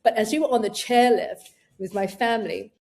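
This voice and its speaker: A woman's voice: on the high side, brisk, vocal fry. A middle-aged woman coach answering interview questions, talking animatedly and acting out the voices in her head. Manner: animated, acts out inner voices. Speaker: menopause coach.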